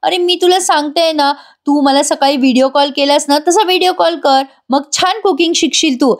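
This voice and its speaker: A woman's voice: high voice, moderate pace, pitched above the performer's own voice. A woman voicing a sassy young wife who teases her husband and dodges his questions in chatty, playful talk. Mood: teasing. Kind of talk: acted voice in an episode recap.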